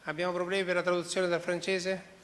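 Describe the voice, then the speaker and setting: A man's voice: high voice, level tone, fast, fairly bright tone. A man moderating a conference session, giving speakers directions in an organizing way with a few restarts. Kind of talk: chairing a session. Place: large conference hall. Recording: echoey hall, faint hiss.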